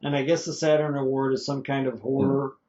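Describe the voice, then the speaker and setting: Speaking at a fairly quick clip with a level, mellow, mid-range voice, this podcast co-host casually reviews an old movie. He wanders off track, laughs softly, and stumbles on names, all in dull, lo-fi audio.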